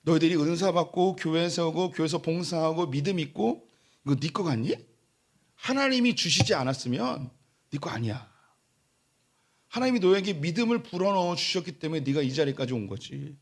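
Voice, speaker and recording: A middle-aged male pastor delivers a sermon in a church sanctuary, his voice pitched somewhat high for a man. He slips into the voices of boasting church members, then climbs into emphatic, raised-voice preaching. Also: expressive, normal speed.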